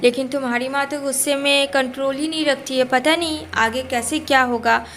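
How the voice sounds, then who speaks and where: A woman voicing a young wife seeking revenge, calm and quietly mocking. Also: high voice, brisk, a little hiss or hum. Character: cool vengeful young wife.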